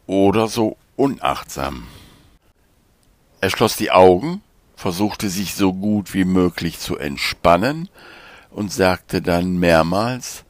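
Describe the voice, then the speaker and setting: Low, slow-paced male audiobook narrator. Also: no room sound. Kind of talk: scripted narration.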